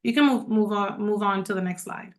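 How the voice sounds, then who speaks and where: A middle-aged woman from the Dominican Republic speaks at a mid-range pitch, talking straight to her listeners as she presents a coaching program. She stays conversational and persuasive. The sound comes through a video call. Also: brisk. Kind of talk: online presentation to a group.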